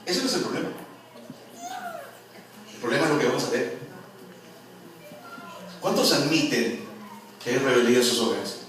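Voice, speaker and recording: Male pastor, mid-pitched, preaches with humor and questions, heard from afar in a booming, echoing room. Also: moderate pace, long pauses, slight background noise. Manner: lively, jokes and quizzes the congregation. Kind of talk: sermon. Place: church hall. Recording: very echoey hall, from far off.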